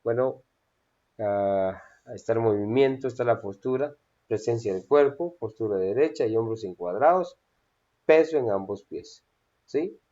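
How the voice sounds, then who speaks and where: A man instructs a public speaking class, dotting his hesitant speech with "eh" and frequent checks of "¿sí?" to his students. His voice is medium-pitched and dark in tone, at normal speed. The audio sounds dull.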